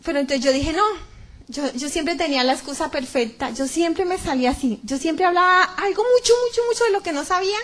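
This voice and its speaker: A woman's voice: high-pitched, expressive, quick pace, few pauses. A middle-aged woman giving a fervent, emphatic religious testimony to a church audience, often repeating words.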